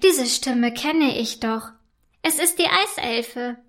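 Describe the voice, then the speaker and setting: A woman's voice: a little high, slow pace. A woman voicing a small cheerful female snowflake in a children's storybook, friendly and a little proud. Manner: bright, friendly, a bit proud. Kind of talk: storybook reading.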